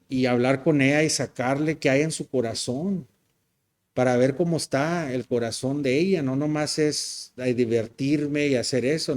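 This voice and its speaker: A man preaching. His voice sits at an ordinary middle pitch. He keeps it chatty and joking, tossing in tag questions and the odd English word. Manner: conversational and joking, frequent tag questions, mixes in English words. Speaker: pastor. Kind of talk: sermon.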